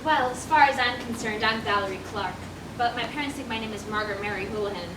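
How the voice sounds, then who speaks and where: A woman's voice: on the high side, fast, close to an everyday voice. Woman playing a brash cheeky young dancer. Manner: brash, flippant. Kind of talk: stage musical acting. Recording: echoey stage, distant mic, loud hum.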